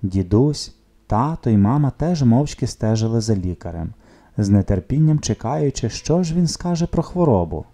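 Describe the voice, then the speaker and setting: A man reading a children's story aloud with expressive narration. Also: mid-range voice, normal speed. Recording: soft music behind the reading.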